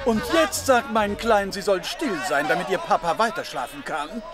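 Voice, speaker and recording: A man voicing a kindly, pampered caliph in a cartoon dub, loud and indignant. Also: high voice, animated, fairly quick, loud music behind the voice. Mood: drowsy indignant. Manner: loud and indignant, then soft. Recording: cartoon soundtrack with loud crowd.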